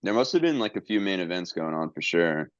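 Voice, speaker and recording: Brief: low, smooth-voiced male podcast host, loose and profane, muffled dry sound. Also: very animated, a little fast, no room sound. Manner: rambling, profane, with many fillers and restarts. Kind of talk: casual podcast chat.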